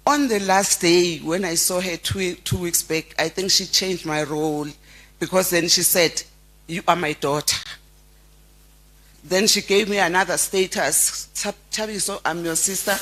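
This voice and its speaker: South African woman giving a halting eulogy. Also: fairly low pitch, fairly bright tone. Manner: heartfelt storytelling with halting restarts. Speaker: family friend giving a tribute. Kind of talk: memorial eulogy.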